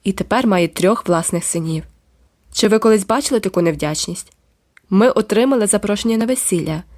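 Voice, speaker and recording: A woman's voice: medium pitch, darkish tone. A woman voicing a pompous, overdressed middle-aged lady who is indignant and fussy, in an audiobook. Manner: haughty, fussy, insistent. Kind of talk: audiobook character voice.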